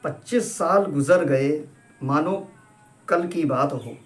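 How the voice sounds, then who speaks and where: A man voicing a sharp-tongued but loving middle-aged wife who scolds and teases, in a storybook reading. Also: on the high side, faint music behind. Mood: fond. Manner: scolding, teasing, brisk.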